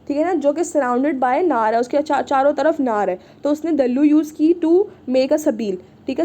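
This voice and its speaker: A woman leads an online Arabic class. Her voice sits high but has a soft, mellow color. She explains patiently and keeps checking in with her students. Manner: patient, repeats "ठीक है" often. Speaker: Arabic teacher.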